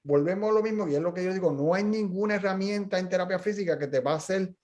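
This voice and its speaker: A fast-talking middle-aged man with a high-pitched, darkish voice, heard on a lo-fi recording, speaks informally in a journal club discussion. As a physical therapist, he's a chatty storyteller whose explanations are full of restarts.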